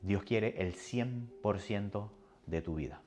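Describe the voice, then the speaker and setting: A man preaching a sermon with a personal testimony, animated and moving between soft and loud. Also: fairly low pitch, slow.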